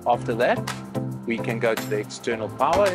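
Calm male pilot explaining cockpit checks. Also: medium pitch, brisk, loud music behind the voice, rough recording. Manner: calm, explains each step plainly. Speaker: airline pilot instructor. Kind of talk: instructional cockpit walkthrough. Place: aircraft cockpit.

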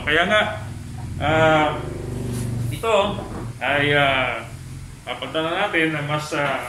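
A man talking through a cloth mask, reviewing a helmet in a casual vlog with many halting filler pauses. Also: on the high side, bright, forceful tone, slight background noise. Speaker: vlogger. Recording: echoey room with faint ambience.

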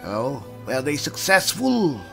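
A man's voice: fairly high pitch, wildly swooping pitch, slow pace, gravelly, fairly bright tone, faint music behind, heavily acted. A man voicing a blunt, simple, easygoing barbarian adventurer in a video game role-play, casual and folksy, often ending questions with "eh". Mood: curious. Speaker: player of the game. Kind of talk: in-character video game playthrough.

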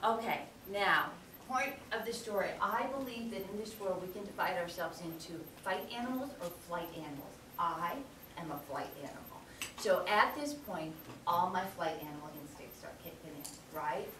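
A middle-aged woman giving a storytelling lecture as guest speaker, animated and often checking in with the audience by asking "okay?". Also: lowish voice, normal speed, hardly any pauses. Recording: echoey hall, distant mic, background noise.

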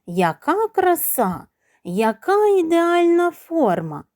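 A woman voicing a sly male cat in a storybook, talking in a slow, purring, flattering way. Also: very high-pitched, dry recording, studio quality, pitched above the performer's own voice, full character voice.

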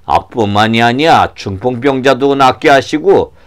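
Pastor putting on a lower, eager neighbor in a kids' puppet show. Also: male voice, animated, moderate pace, clean tone, lightly acted. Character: excited male neighbor bringing news.

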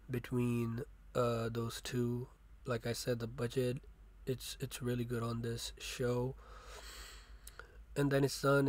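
A man talks through a casual review in a loose, rambling way, stopping and restarting often. His voice sits at an ordinary middle pitch for a man. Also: darkish tone. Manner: rambling, many fillers and restarts.

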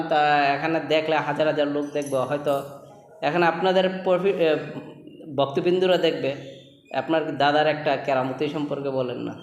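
A man's voice: a little high, roomy sound, in a large hall, a little hiss or hum. A man conducting a casual field interview, probing with questions and repeating answers back.

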